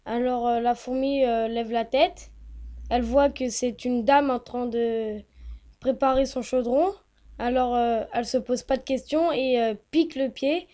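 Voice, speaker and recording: Woman storyteller, high pitch, halting oral telling. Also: steady tone, mellow. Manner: hesitant, many fillers.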